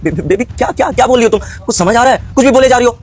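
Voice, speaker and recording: A man's voice: very high voice, animated, rapid-fire, slight background noise. A man playing a lecherous, lying husband who turns defensive and stammers when caught, in an acted family drama. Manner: smooth-talking then defensive and stammering.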